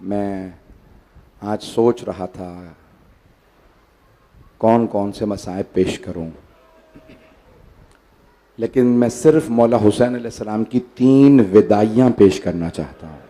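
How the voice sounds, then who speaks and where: A man's voice: fairly low pitch, slow pace, pauses often. Impassioned male cleric, dramatic oratory. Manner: dramatic oratory, swings from loud declaiming to hushed lament; storytelling, acts out quoted speakers. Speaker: Shia cleric reciting a Muharram majlis. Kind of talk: impassioned majlis sermon. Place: large gathering hall.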